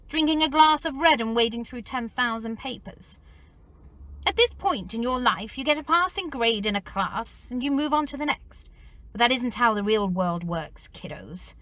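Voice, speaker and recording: A woman's voice: a little high, a bit bright, dry recording. An actress playing a weary, sarcastic teacher in her forties who lectures students in detention. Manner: dry, sardonic lecturing. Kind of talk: dramatic monologue.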